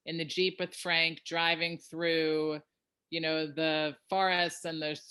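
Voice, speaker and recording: A woman's voice: low voice, bright, forceful tone, clear, resonant tone. A woman interviewer asking questions hesitantly, with many fillers and restarts.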